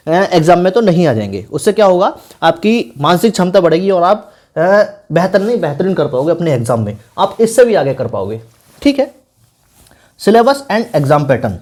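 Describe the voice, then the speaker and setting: Offering casual exam tips as an online tutor, this speaker is instructive and repetitive, frequently tacking on check-in tags. The voice sits in the mid-range and has a darkish tone.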